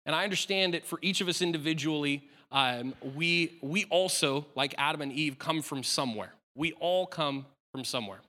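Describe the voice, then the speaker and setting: A man's voice: fairly high pitch, normal speed, few pauses, pushed and bright, big-room sound. A man in his thirties preaching a sermon in a casual, self-deprecating way, with plenty of fillers and restarts. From United States. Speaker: pastor.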